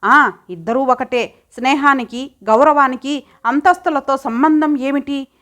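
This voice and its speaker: A young wife pushed too far, her higher voice tearful and indignant as she fights back, read by a woman narrator. The lines come as part of a spoken audiobook story. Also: measured pace, a bit bright. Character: young wife, hurt and defiant.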